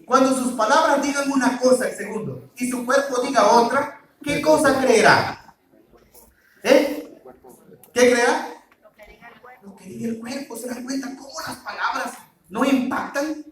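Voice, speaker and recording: A man's voice: very high voice, measured pace, long pauses, fairly bright tone. A man preaching a sermon on marriage, quizzing the congregation with call-and-response questions. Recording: very echoey hall, mic far off.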